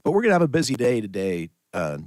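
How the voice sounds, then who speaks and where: A man's voice: mid-range voice, huge pitch swings, fast, a little mellow, dry recording. An American man hosting a conversational morning radio talk show about local affairs, speaking into a close studio microphone.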